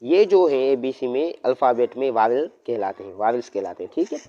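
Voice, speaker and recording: A man's voice: mid-range voice, animated, a little fast, dark tone. A man teaching a lesson with speech, explaining step by step and answering his own questions. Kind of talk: classroom lesson. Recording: dull lo-fi audio.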